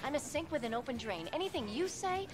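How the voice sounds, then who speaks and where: A woman's voice: sits high, big pitch swings, fast. An actress playing a wounded, curt woman in TV drama dialogue, heard as distant show audio. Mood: hurt, curt. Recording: distant TV audio, faint music behind.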